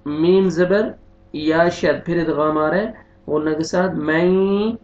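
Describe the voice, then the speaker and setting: A man teaching beginners to read the Quran, spelling out letters and vowel marks one by one, with quicker, quieter explanations of the rules. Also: a little high, muffled recording. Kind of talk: slow spelled-out recitation lesson.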